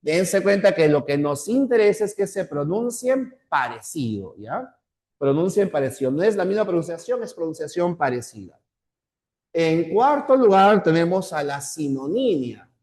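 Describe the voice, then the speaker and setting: A man's voice: a little high, very animated, a little mellow. A man with a Peruvian Spanish accent teaching a class, often repeating key terms and checking in with "¿ya?". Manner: slows down to spell out examples. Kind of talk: classroom lecture.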